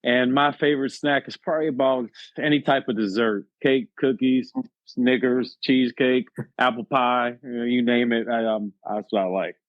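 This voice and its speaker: A man's voice: mid-range voice, steady tone, moderate pace, muffled recording. A man in his forties, a rambling panel guest in a casual chat. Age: 40s.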